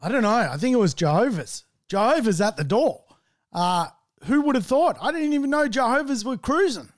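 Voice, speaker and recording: A man's voice: very high-pitched, sing-song, moderate pace, dry recording, clean studio sound. Chatty man hosting a podcast. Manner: chatty and informal, with joking asides. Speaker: property investing podcast host. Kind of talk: solo podcast monologue.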